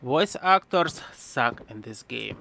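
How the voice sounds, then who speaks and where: A man's voice: medium pitch, lively intonation, takes it slowly, creaky, sharp tone, slight background noise. A man narrating a game video essay with sarcastic, mocking humor and jokey asides. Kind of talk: sarcastic voice-over commentary.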